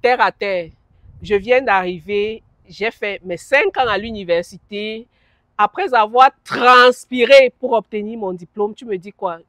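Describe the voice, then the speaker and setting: A woman's voice: mid-range voice, a little slow, a bit bright, dry recording. A woman hosting an interview, asking blunt, down-to-earth questions. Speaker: interview host. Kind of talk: conversational interview.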